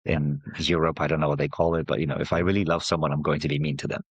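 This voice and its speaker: A man talking as a guest on a podcast, explaining the game industry in a relaxed way with lots of examples. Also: very deep voice, racing, slightly rough, no echo, dull audio. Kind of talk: conversational interview. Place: podcast recording.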